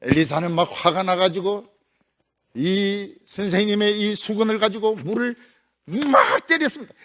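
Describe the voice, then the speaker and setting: High-voiced Korean pastor telling a story. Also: male voice, fairly even intonation, normal speed. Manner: dramatic storytelling, imitates hoofbeats. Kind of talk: storytelling sermon.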